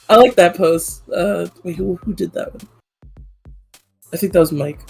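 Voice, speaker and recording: A woman's voice: lowish voice, unhurried, creaky, a little mellow. A woman chatting casually on a game stream, giggly and talkative. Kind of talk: casual chat while gaming. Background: game music.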